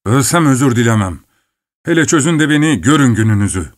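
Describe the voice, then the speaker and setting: A man voicing a furious, defiant male killer who shouts threats in an audiobook reading. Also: medium pitch, animated, fairly quick, no room sound, studio quality, voice pushed up, natural voice. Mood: threatening. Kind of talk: audiobook character voice.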